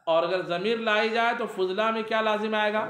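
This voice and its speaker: A man teaching a grammar lesson in a classroom. He reads Arabic text aloud slowly and asks his students questions, often answering them himself. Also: sits high, fairly even intonation, fairly bright tone, echoey room.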